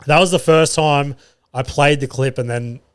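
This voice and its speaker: This studio recording features a young man telling comedy-gig stories on his solo podcast, loose and full of swearing, often laughing at his own jokes. He speaks at a moderate pace in a slightly high voice with a clear, resonant tone.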